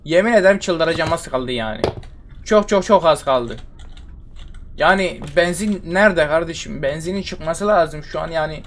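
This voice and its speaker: A young man streams a horror game, offering casual, exasperated commentary, repeating himself and muttering complaints. His voice is on the high side and moves at normal speed, with slight background noise.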